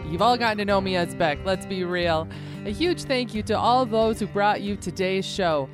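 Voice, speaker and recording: A woman's voice: mid-range voice, moderate pace, over music. A woman hosting a radio show, chatty and enthusiastic, speaking straight to her listeners.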